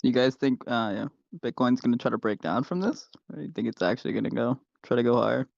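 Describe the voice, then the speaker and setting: A man musing casually with other traders in a group voice chat, relaxed and hesitant. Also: mid-range voice, fast, creaky, dry recording. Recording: dull dry online call audio.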